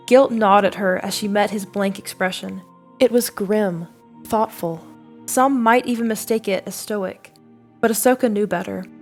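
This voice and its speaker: With a mid-range voice, a woman delivers scripted dramatic narration for an audio drama, telling the story in a measured, solemn way.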